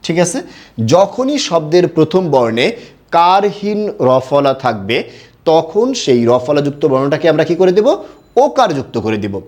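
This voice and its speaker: A man's voice: a little high, very animated, normal speed, a little mellow. A man teaching a Bangla grammar and pronunciation lesson, asking the class questions, answering them himself and spelling words out letter by letter. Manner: asks the class questions then answers them, repeats key points.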